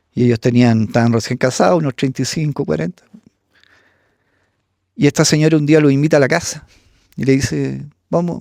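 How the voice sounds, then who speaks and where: A middle-aged man, telling a ghost story as a podcast guest in a halting, casual way, with many fillers and voices for the people in it, recorded on a phone on a cold outdoor patio. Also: fairly high pitch, creaky, a little mellow, no echo, studio quality.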